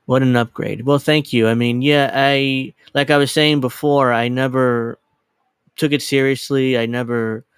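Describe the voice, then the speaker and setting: Recorded dry with clean studio sound on a dedicated microphone, a man in his thirties hosts a casual livestream, rambling and scattered, running himself down and cursing casually. His medium-pitched voice is clear and resonant, with fairly even intonation and an unhurried pace.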